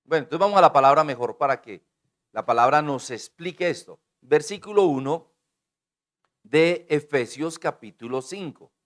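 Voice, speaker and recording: A male pastor delivering a sermon, his fairly high voice rising to loud, drawn-out declarations and then dropping to quiet, quick asides. He keeps calling on the congregation to answer him and to repeat his phrases to one another. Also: expressive. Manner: preaching with big swings in volume, booming then hushed; calls on the congregation to repeat and respond.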